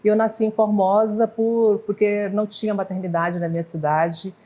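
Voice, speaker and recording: Here the same Brazilian interviewee appears: a woman in her fifties, a pharmacy professor from Goiás or northwest Minas Gerais, giving an oral history. She wanders and hesitates, restarting and fixing her words with small laughs at her mistakes. Her voice is mellow and mid-range, barely shifting in pitch, delivered at an ordinary speed.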